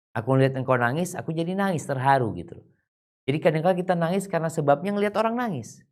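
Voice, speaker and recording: A man giving an Islamic lecture, reciting Arabic quotations and then explaining them in casual, chatty speech with colloquial asides. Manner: swings widely between high and low, loud and soft. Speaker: Islamic preacher. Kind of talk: religious lecture.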